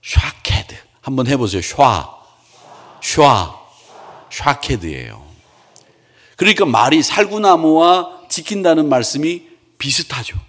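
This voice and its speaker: A man's voice: fairly high pitch, sing-song, unhurried, a bit bright. A middle-aged man preaching a Wednesday church sermon in a conversational way, asking his congregation questions and having them repeat words after him. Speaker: pastor. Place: church sanctuary.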